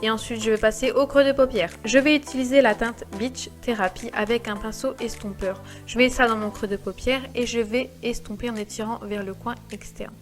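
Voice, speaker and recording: A young woman narrating her makeup tutorial step by step, calm and explanatory. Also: fairly high pitch, a little fast, few pauses, faint music behind. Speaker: beauty vlogger.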